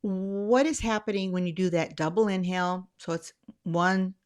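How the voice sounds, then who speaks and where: A woman's voice: on the low side, fairly even intonation, normal speed. A middle-aged woman hosting a channel, explaining tips in a casual, conversational way, rambling a little and correcting herself as she goes. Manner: rambling, self-correcting, chatty. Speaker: channel host sharing anxiety tips.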